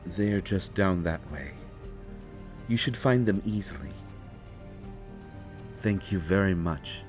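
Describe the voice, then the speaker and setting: In this scripted roleplay, the ancient vampire is voiced by a man whose tone sits low, soft and grave, each formal phrase delivered with courteous, knowing deliberation. The recording has a roomy echo and faint background music.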